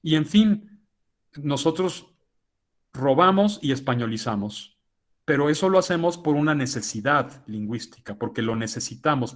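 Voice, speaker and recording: A man giving a lecture to teachers, explaining points in a measured way and often tagging sentences with "¿no?". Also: fairly high pitch. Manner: measured and explanatory, with frequent "¿no?" tags. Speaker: guest lecturer speaking to teachers. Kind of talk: lecture answering a question.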